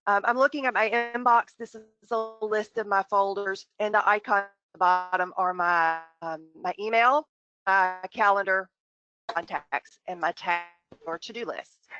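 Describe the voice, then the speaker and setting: A woman instructor walking through a software demo on a video call, her audio cutting in and out so the volume keeps dipping. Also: medium pitch, fairly even intonation, moderate pace, no room sound, highs cut off, faint music behind. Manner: talks through on-screen steps with fillers. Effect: audio cutting in and out, uneven volume. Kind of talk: software training webinar demo.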